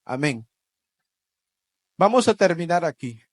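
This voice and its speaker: A man preaching a sermon, swinging from loud bursts to hushed asides and leading the congregation in repeating phrases. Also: fairly high pitch, very animated, takes it slowly, dry recording. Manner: leads the congregation in call-and-repeat. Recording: dry radio broadcast.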